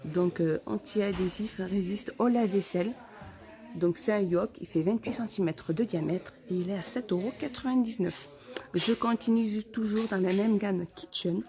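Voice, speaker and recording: A woman's voice: medium pitch, normal speed, mellow. Muffled woman talking through a face mask. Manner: informal, hesitant item-by-item commentary. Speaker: shopping vlogger. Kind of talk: casual store-tour narration. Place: inside a discount store.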